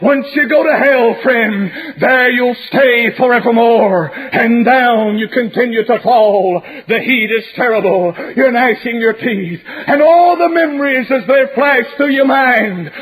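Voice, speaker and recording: Unhurried yet pausing little, a strikingly high-voiced male preacher gives a hellfire sermon in a slightly bright tone. He stretches phrases and repeats them dramatically to reinforce each warning, on a rough recording.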